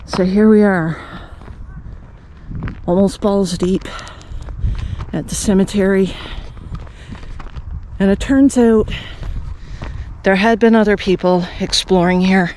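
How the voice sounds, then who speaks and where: A man's voice: high voice, fairly even intonation, slow pace, pauses often, a little mellow, slight background noise. A man from Canada narrating a casual walking vlog outdoors, chatty and rambling with many fillers and restarts. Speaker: vlogger. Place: outdoors, walking around a rural cemetery.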